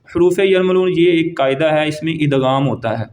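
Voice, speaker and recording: A man teaching Quran reading, slowly drawing out each Arabic letter three times and giving brief explanations in between. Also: on the high side, darkish tone. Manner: slow, drawn-out repetition of each letter, three times over; quick plain explanations between recited letters. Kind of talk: letter-by-letter recitation lesson.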